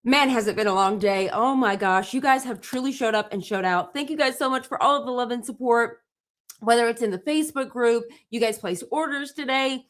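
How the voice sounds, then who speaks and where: A woman's voice: on the high side, brisk. A middle-aged woman hosting a casual live stream, bubbly and gushing, talking straight to her viewers while tired from very little sleep. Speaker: livestream host and small business owner.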